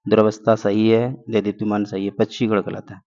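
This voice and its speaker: A man's voice: on the low side, level tone, a little fast, vocal fry, dark tone. A man teaching an exam-prep grammar lesson, explaining step by step and answering his own questions. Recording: dull lo-fi recording.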